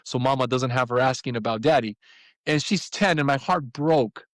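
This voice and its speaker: A man in his fifties telling a personal story as a podcast guest, animated and acting out the people he quotes. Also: medium pitch, normal speed, no room sound, poor audio. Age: 50s.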